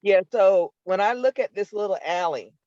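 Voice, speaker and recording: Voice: medium pitch, moderate pace, a little mellow, dry recording, highs cut off. A community member asking pointed questions at a neighborhood meeting over a call connection that keeps breaking up. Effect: patchy call connection that breaks up.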